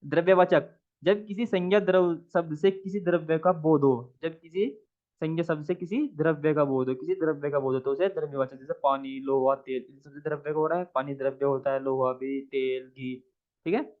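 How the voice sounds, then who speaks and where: A man teaching an exam practice lesson in a somewhat high voice. He asks each question aloud, answers it himself and repeats the answer again and again. The sound is thin and tinny, like a phone line. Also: fairly even intonation, normal speed. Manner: asks the viewer questions, then answers them. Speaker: Hindi exam tutor.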